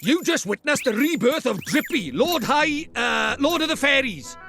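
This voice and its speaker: Brash little Welsh fairy lord, fantasy game: very high, cheeky, blustering, highly animated delivery. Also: male voice, moderate pace, gravelly, faint music behind, heavily acted. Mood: scolding, boastful. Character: brash, chatty, self-important little fairy lord, male.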